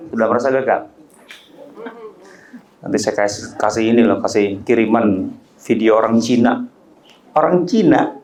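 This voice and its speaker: A man's voice: mid-range voice, a little mellow. Joking preacher man, lilt, echoey. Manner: joking, conversational, rising emphatic peaks. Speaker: Islamic preacher. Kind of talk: religious study talk. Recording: roomy echo.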